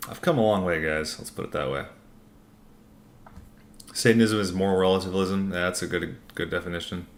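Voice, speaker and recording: A man's voice: low voice, fairly even intonation, a little fast. A man hosting a casual livestream Q&A, reading out comments and answering in a laid-back, informal, rambling way. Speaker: livestream host.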